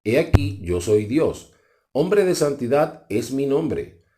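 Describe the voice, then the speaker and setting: A man's voice: mid-range voice, sing-song, takes it slowly, background noise. A man voicing a grave, wrathful ancient god. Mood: solemn wrath. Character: solemn ancient male deity, wrathful and grave. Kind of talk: scripture reading.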